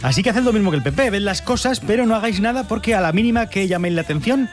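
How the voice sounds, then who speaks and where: A man hosts a news commentary show at a brisk clip, tossing in ironic, joking asides. His voice sits a little high for a man, and soft music plays faintly behind him. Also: lively intonation. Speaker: host.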